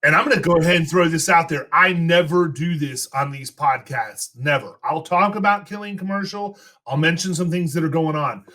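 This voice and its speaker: A man's voice: a little high, normal speed, few pauses, bright, forceful tone. A man hosting an insurance podcast, fired up and preaching in a casual chat. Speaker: podcast host.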